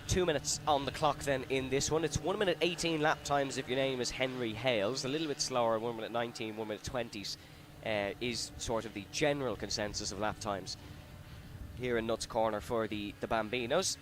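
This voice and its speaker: A man's voice: medium pitch, fairly even intonation, fairly quick. A man giving live motorsport commentary, calling the race in running play-by-play that rises with the action. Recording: loud engine and outdoor track noise. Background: kart engines at an outdoor circuit.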